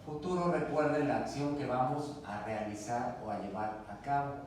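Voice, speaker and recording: A man's voice: mid-range voice, moderate pace, darkish tone. A man teaching a grammar lesson at a classroom board, patiently spelling out each verb form step by step. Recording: echoey room, distant mic, faint noise.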